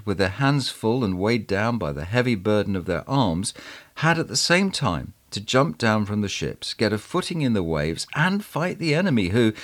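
A man hosting a podcast, reading historical documents aloud in a measured, expressive way. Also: on the low side. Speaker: podcast host and reader.

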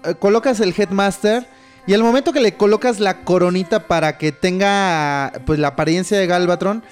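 A man's voice: high-pitched, normal speed, soft background music. A man with a Mexican accent co-hosting a podcast, chatting casually and slangily, dropping "güey" all the time. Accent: Mexican Spanish. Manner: slangy, laid-back, says "güey" constantly. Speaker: podcast co-host. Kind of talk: casual chat.

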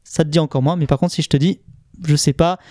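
Guy cohosting a podcast, slightly high voice, dry recording, lots of restarts, kinda sentimental. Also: steady tone, quick pace, mellow, no room sound. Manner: sentimental, hesitant with many restarts. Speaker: podcast co-host. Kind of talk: casual chat and personal segment.

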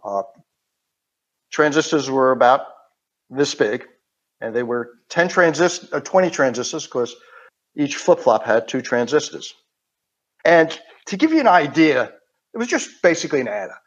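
An older man from New York with a Queens accent, explaining technical matters informally as a guest, haltingly and with digressions. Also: mid-range voice, very animated. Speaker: interview guest. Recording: dull, band-limited audio.

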